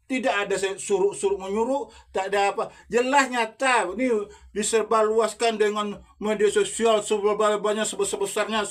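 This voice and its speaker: Speaking with a high voice, a man who styles himself a religious teacher preaches at length on his own, pressing repetitively and bombarding the listener with rhetorical questions.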